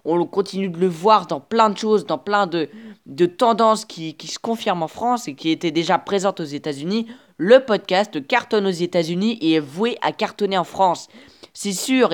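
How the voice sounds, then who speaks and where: A woman hosting a casual solo podcast, talking straight to the listener in a chatty, encouraging way with many restarts and fillers, recorded on an earphone mic. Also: mid-range voice. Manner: halting, with frequent restarts and filler sounds. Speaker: podcast host. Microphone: earphone headset mic.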